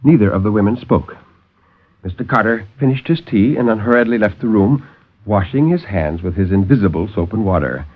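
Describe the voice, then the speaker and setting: Reading a horror story as storyteller and co-host, a man adopts a theatrical 1950s literary radio style. His lowish voice moves briskly with lively intonation, captured on a muffled old recording that includes music.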